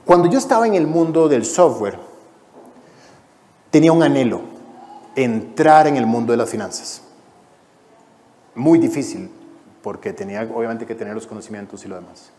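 A male preacher giving an emotive testimony sermon, swinging between loud exclaiming and hushed prayer. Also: medium pitch, expressive, normal speed, pauses often, slight background noise. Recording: long hall reverb.

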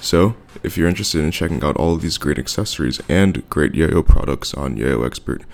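A man hosting a podcast, reading scripted sponsor announcements in a steady, informative way. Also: very deep voice, fairly quick, gravelly. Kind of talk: scripted ad read.

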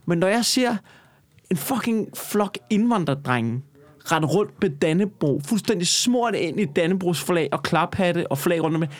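A man co-hosting a podcast in casual chat, animated and emphatic, with frequent swearing. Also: high voice, no echo. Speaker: podcast co-host.

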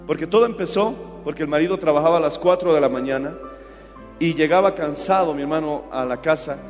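High-voiced pastor preaching with drama. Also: male voice, a little fast, a little mellow, big-room sound, soft background music. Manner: dramatic storytelling, acting out quotes, calls listeners "my brother". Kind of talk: sermon.

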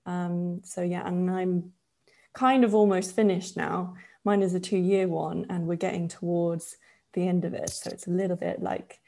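Speaking at a measured pace, a twenty-something Polish yoga teacher guests on a podcast, keeping the interview casual and chatty. Her voice is low and mellow, dark in tone with a gravelly fry. She laughs a lot and leans on plenty of fillers.

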